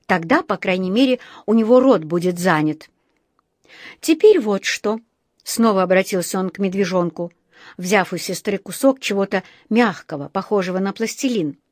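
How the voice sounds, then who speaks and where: A woman voicing a flustered middle-aged male dentist who speaks in a brisk, huffy way, in a storybook reading. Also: medium pitch, dry recording, clean studio sound.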